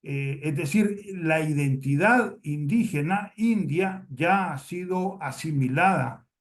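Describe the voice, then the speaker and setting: A man's voice: a little high, slow. A man giving a hesitant, explanatory comment in a seminar question round, often repeating words. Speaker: audience member commenting.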